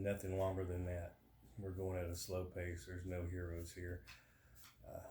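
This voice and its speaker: Low-voiced man, flat and matter-of-fact. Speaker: vlogger giving a surgery recovery update. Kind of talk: casual talk to camera. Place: indoors at home. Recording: roomy home echo with faint noise.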